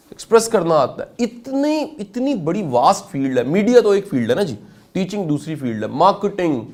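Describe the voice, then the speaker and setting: A middle-aged man from Pakistan, high-pitched and animated, gives a motivational lecture and asks his audience questions.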